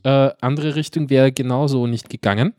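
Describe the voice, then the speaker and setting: A man plays a board game he is still learning in a casual podcast chat. He keeps stopping to check the rules, with filler words and restarts. His voice is mid-pitched and sits dry and close to the mic. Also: fairly even intonation, brisk, darkish tone, no room sound. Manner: hesitant, checking rules with many questions.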